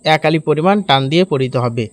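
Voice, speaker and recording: A man teaching Quran reading in Bengali, spelling out letters in slow, drawn-out syllables and explaining quickly in between. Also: fairly high pitch, no room sound. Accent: Bangladeshi Bengali. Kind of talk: spelling-out recitation lesson.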